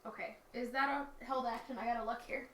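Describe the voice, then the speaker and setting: A high-pitched woman with a bright voice runs a tabletop game at the table, chatty and quick to laugh. She is heard from a distance in an echoey room, with faint noise underneath. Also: steady tone. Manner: chatty, laughs often, self-correcting. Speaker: dungeon master. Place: dining room table with players.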